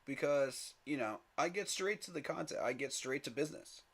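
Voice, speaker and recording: A man hosting a live sports fan stream talks straight to his chat, emphatic and pleading, and chuckles at rival fans. His voice is fairly high and husky, expressive, at a normal speed.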